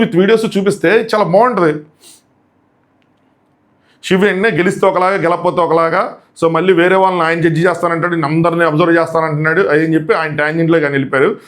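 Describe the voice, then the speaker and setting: A man's voice: fairly high pitch, fairly bright tone. A man giving a critical, emphatic review of a reality show episode, arguing his points. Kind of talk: fast opinionated episode review.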